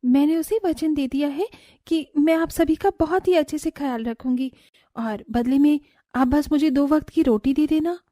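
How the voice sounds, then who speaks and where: A woman voicing a very high, earnest cartoon mother. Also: normal speed, no echo, studio quality, natural voice. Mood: gently consoling. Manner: earnest and bright, very high sweet voice. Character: young mother posing as a kindly stranger.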